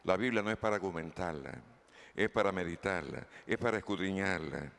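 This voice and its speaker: A man's voice: deep voice, animated, a little fast, creaky, fairly bright tone. A man preaching a sermon as pastor, reading scripture aloud and putting questions to the congregation. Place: church hall. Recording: long hall reverb.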